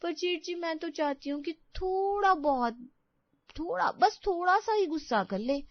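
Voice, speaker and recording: A woman's voice: extremely high pitch, animated, measured pace, no echo, highs cut off, full character voice. A woman voicing Sunita, a young sulky sister-in-law who whines and demands attention, in a cartoon story. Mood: pleading. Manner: whiny, demanding. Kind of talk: cartoon voice acting.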